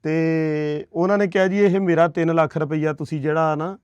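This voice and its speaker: A man's voice: on the high side, steady tone, normal speed, darkish tone, smooth, dry recording, dull audio. Earnest man, reassuring and preachy. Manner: reassuring, preachy, asks short checking questions. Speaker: charity worker handing over aid. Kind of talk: earnest on-camera talk.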